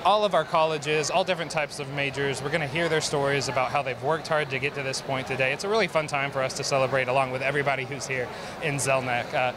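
A man's voice: medium pitch, fairly even intonation, fast talker, background noise. A man interviewing graduates live with an enthusiastic, chatty manner, on a handheld mic in a crowded indoor gym. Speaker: social media manager interviewing graduates.

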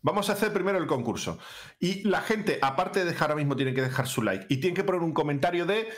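A man's voice: a little high, animated, fast talker. A man joking and bossing his co-host around while playing a game. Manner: teasing, game-show bossy. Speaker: gaming co-host. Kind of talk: casual gameplay chat.

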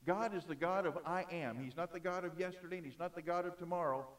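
A man preaching a sermon in an auditorium, emphatic, swinging between loud and soft. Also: high voice, quick pace, distant mic. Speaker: pastor.

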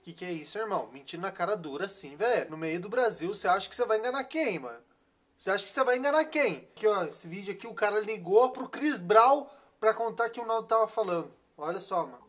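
Sarcastic Brazilian meme commentator. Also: male voice, high-pitched, expressive, fast, a bit bright. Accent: Brazilian Portuguese. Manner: sarcastic, slangy, teasing. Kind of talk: mocking video commentary.

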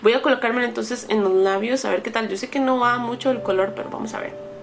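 A woman's voice: on the high side, fast, creaky, noisy background. A woman in her thirties chatting to her viewers while trying on makeup, often stopping to correct herself. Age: 30s. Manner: chatty, self-correcting, talks straight to viewers. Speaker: beauty vlogger. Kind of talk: casual makeup try-on chat to camera.

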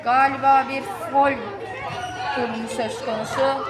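A woman's voice: little pitch movement, unhurried. A woman giving live commentary on a football match, speaking outdoors at a tournament. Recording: noisy outdoor pitch with loud crowd.

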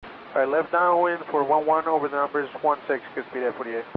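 A man, an airline pilot, talking over his cockpit headset radio to air traffic control, reading back instructions in a clipped, businesslike way. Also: fairly high pitch. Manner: clipped, brisk readbacks of instructions. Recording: muffled radio transmission with faint hiss.

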